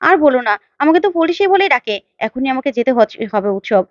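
Woman voicing a schemer urging someone to hide; quick, high. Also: sing-song, no room sound, highs cut off. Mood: urgent.

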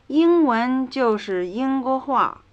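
A woman reading her part in a scripted language lesson dialogue, speaking drill lines slowly and deliberately, on a dull lo-fi 1950s record. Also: high-pitched, animated.

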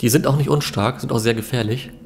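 Young man, let's player, medium pitch, casual musing gameplay commentary with faint background noise. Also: quick pace, gravelly. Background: game ambience.

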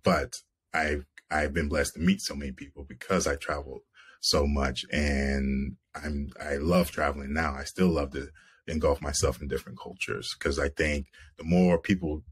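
This actor, a man in his thirties, is a guest on a video call from a room at home, offering earnest, reflective interview talk with frequent restarts. He has a very deep, husky voice with a steady tone at normal speed.

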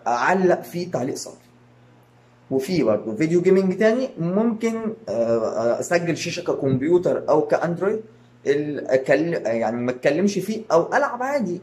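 Brief: Egyptian YouTuber, male, quick and rambling casual update, lots of fillers. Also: on the high side, mellow. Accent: Egyptian Arabic. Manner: rambling, many fillers and restarts. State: tired. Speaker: YouTube channel host. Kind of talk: casual channel update to viewers.

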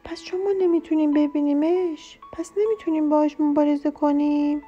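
A woman's voice: sits high, level tone, mellow, highs cut off, faint music behind, voice pushed up, close to an everyday voice. Woman voicing an eager little storybook girl. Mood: curious.

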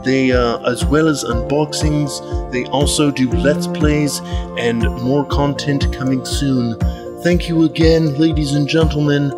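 A man putting on a polite, earnest golf commentator, giving measured, deliberate mock sports commentary. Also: mid-range voice, fairly even intonation, over loud music, natural voice. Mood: courteous, apologetic. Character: mock golf announcer, male, polite, earnest, calling an unboxing.

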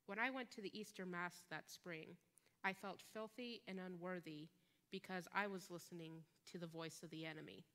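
A woman preaching a sermon as a guest preacher in a church, measured and emphatic, pausing on key words. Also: lowish voice, fairly bright tone. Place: church sanctuary. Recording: long church reverb.

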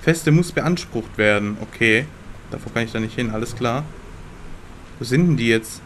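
A young man commentating his gameplay in a slangy, excitable way and talking back to the game characters. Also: medium pitch, normal speed, a little hiss or hum. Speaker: let's play gamer.

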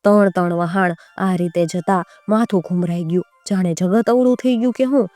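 A woman storyteller narrating a folk tale in a lively, rhythmic way. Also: fairly low pitch, moderate pace, no room sound, soft background music.

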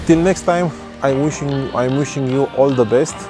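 Over background music, a man in his thirties reviews skis for a casual vlog at the bottom of a ski slope, speaking at normal speed in a medium-pitched voice. He's hesitant, with lots of fillers and restarts, and is recorded by a tripod camera at medium distance.

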